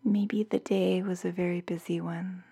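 A woman guiding a bedtime meditation in a soft, soothing, half-whispered voice, like a sleep story narrator. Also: on the low side, little pitch movement, moderate pace, gravelly, slightly rough. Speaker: meditation guide.

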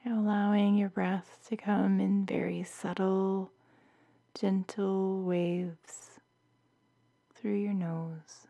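Slow, soft woman narrating sleep meditation. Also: medium pitch, little pitch movement, dull audio. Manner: soft, soothing, breathy near-whisper like a sleep story narrator. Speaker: meditation guide.

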